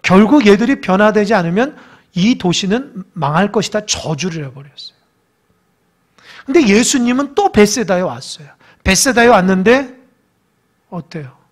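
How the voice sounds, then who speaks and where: A man's voice: high-pitched, animated, normal speed. Emphatic male pastor preaching. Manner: emphatic, rhetorical questions, swings loud and soft. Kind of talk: Sunday sermon. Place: church.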